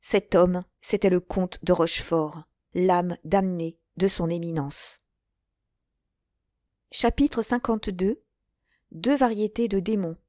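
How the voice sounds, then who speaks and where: Lady reading an audiobook, steady storytelling, very dry close sound. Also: on the low side, takes it slowly, pauses often, dry recording. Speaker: audiobook reader. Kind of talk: scripted narration of a classic novel.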